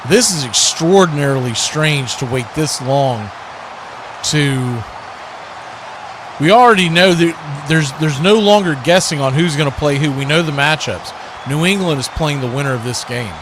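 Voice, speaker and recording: At a normal speed and fairly high pitch, a man calls live American football play-by-play over a noisy background. Acting as commentator and watch party host, he uses a radio-style delivery of punchy short phrases and colourful action verbs.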